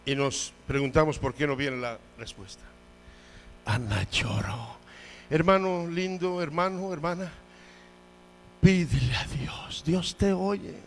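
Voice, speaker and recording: A male preacher delivering a fervent sermon. He swings from loud shouts to soft, low passages and calls himself a loud talker. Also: a little slow, slight background noise. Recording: long hall reverb.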